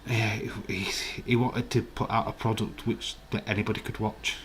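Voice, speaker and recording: A man with a hoarse, croaky voice hosts a casual live stream, rambling as he chats and reads out viewer comments. His pitch is fairly low with little movement, he speaks at normal speed, and there's a little hiss or hum.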